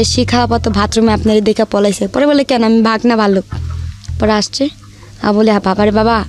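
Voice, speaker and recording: A young woman with a Bangladeshi accent chats through her life story in colloquial speech, acting out the dialogue along the way. Her voice sits on the high side with a darkish tone, and background music plays underneath this casual, personal storytelling.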